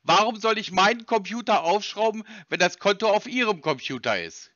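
A man's voice: high-pitched, animated, brisk, sharp tone, dry recording, dull audio. Man playing a stubborn, puzzled computer user. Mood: stubbornly puzzled. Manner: feigns confusion, stubborn repeated questions. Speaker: scam-baiting caller. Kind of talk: prank call, playing dumb.

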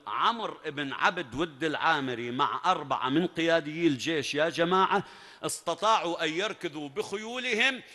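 Male preacher, bright and forceful, dramatic sermon storytelling, echoing hall. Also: fairly high pitch, a little fast. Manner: dramatic, emphatic narration with rising bursts. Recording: long reverb at a large venue.

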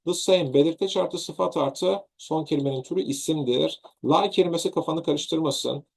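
A man's voice: a little high, creaky. A man with a Turkish accent teaching English grammar in an online lesson, patiently repeating and rephrasing example sentences.

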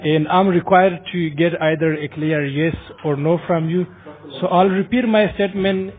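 A man's voice: sits high, fairly even intonation, moderate pace. Narrow phone-band young male call agent. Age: young adult. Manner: polite, insistent, repetitive. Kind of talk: semi-scripted telemarketing phone call. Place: small indoor office. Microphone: headset microphone.

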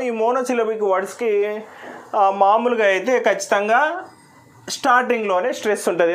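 Patient male teacher repeating example words. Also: high-pitched. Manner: patient, repeats each example word slowly several times. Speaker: English teacher. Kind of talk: recorded classroom lesson.

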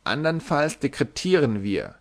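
A man doing a slow, pompous plague president. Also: mid-range voice, big pitch swings, voice pushed up. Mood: stern. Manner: slow, solemn, pompous decree. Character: pompous grim male plague president, legalistic.

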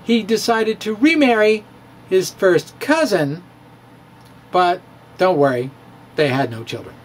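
An expressive, high-voiced middle-aged man performs a theatrical, playful reading of his physics blog, letting his delivery pause and dip. He's at home, speaking into a studio mic in front of him, with slight background noise in the recording.

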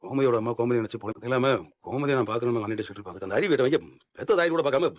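A man's voice: medium pitch, rapid-fire, dry recording, natural voice. An actor playing an earnest family man, heated and indignant, in a TV serial. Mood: troubled. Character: earnest family man upset over in-laws. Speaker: husband and family elder. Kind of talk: TV serial acting.

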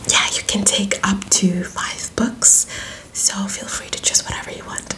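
A young woman in a whispered role-play as a friendly, helpful librarian, speaking in a soft library whisper. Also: medium pitch, steady tone, unhurried. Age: young adult. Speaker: ASMR performer playing a librarian. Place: small indoor room with bookshelves.

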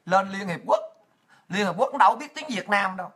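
A woman's voice: medium pitch, expressive, normal speed, fairly bright tone, slightly rough. Heated Southern Vietnamese woman ranting. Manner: angry, profane, heated. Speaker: political commentator. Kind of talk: political rant monologue.

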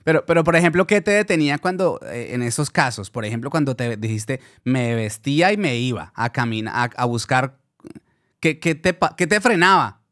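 A man interviewing a guest, asking halting questions with many restarts. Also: medium pitch, lively intonation, a bit bright.

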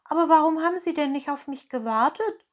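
A woman voicing an eager young wooden puppet boy in a storybook reading, high and excitable. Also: fairly quick, lightly acted. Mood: pleading.

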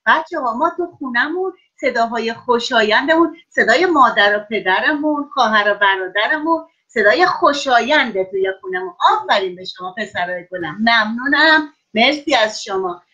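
A woman's voice: on the high side, animated, few pauses, bright, forceful tone. A woman teaching children in an online class, praising and encouraging each pupil by name. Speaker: schoolteacher. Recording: dull lo-fi online call audio.

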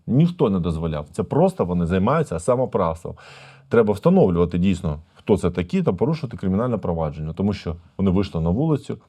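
Deep-voiced lawyer commenting. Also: male voice, dark tone. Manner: emphatic, with rhetorical questions to viewers. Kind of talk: video commentary.

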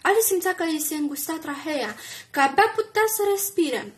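A woman with a high, light voice reads a children's novel aloud. She gives the quoted lines more lift and force than the narration around them. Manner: expressive, raising pitch and volume for quoted characters. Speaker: reader. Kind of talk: reading a children's book aloud.

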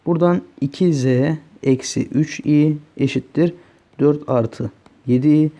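Very dark-voiced male math teacher. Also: on the high side, unhurried. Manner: talks through each step, asking "öyle değil mi arkadaşlar". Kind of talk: solving exam questions on a board.

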